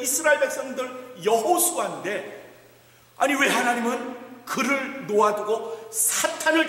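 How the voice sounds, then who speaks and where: A man's voice: very high voice, fairly bright tone, far from the mic. A male pastor preaching a sermon with dramatic storytelling and rhetorical questions, recorded in an echoey church hall.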